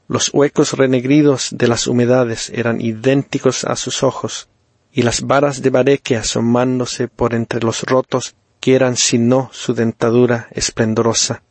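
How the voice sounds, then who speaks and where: A man from reading a first-person story slowly and deliberately, with dry irony. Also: medium pitch, flat delivery, a little mellow, no room sound. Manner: slow, deliberate, ironic storytelling. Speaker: narrator.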